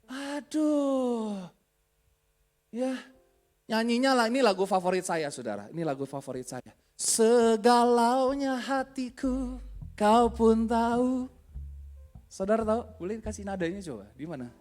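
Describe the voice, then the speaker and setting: High-voiced joking male pastor. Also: normal speed, soft background music. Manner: joking, animated preaching, breaks into song. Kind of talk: Easter sermon.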